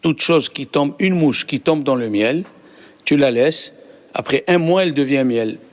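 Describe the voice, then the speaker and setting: A man's voice: a little high, animated, a little slow. A man, a rabbi, teaching a Torah class, asking the class questions and explaining patiently. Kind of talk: lively Torah lesson.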